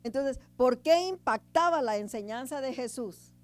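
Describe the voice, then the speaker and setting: A woman preaching a sermon in a chatty teaching tone, often checking in with the congregation and swinging between loud emphasis and quiet asides. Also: sits high, lively intonation, a little slow, faint music behind. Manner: conversational, keeps asking the congregation "right?".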